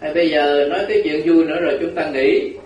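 A man's voice: on the high side, level tone, fast talker, darkish tone, lo-fi sound, a little hiss or hum. A man gives a humorous Buddhist dharma talk, telling folksy stories and teasing his audience. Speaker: Buddhist monk. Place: large hall with an audience. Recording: echoey hall, crowd laughter, distant mic.

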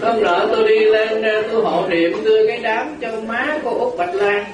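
A man's voice: high voice, moderate pace, dull audio. A man gives a humorous Buddhist dharma talk, telling folksy stories and teasing his audience. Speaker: Buddhist monk. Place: large hall with an audience. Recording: echoey hall, crowd laughter, distant mic.

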